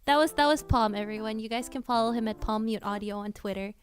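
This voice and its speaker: A woman's voice: a little high, fast. Bubbly, giggly woman streamer, light voice. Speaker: cover singer and streamer. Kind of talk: casual livestream Q&A.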